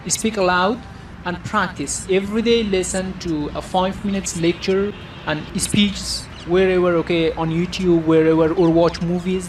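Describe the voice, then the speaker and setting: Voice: medium pitch, slight background noise. An interviewer in a casual group interview, encouraging and giving simple, practical tips. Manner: encouraging, gives simple advice, laughs along.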